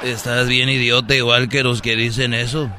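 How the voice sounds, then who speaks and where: Bright-voiced teasing Mexican man. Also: medium pitch, level tone, normal speed, a little hiss or hum. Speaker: comedy sketch performer. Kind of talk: comedy sketch banter.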